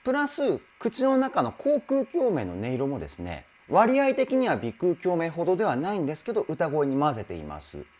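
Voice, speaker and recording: Very animated vocal coach with sweeping pitch. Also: normal speed, few pauses. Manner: enthusiastic, exclaims in admiration between explanations; explains singing technique step by step. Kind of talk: reaction video with vocal analysis. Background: faint music from the video being reviewed.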